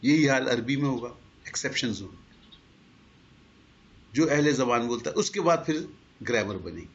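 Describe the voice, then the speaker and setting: A man's voice: mid-range voice, animated. A man teaching a class, explaining step by step and asking rhetorical questions. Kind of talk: lecture to a class. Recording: dull lo-fi recording.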